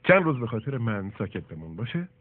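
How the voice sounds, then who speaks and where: An actor dubbing a timid village servant who placates and hushes his friend. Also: medium pitch, sing-song, husky. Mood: placating. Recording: tinny phone-like film dub with noise.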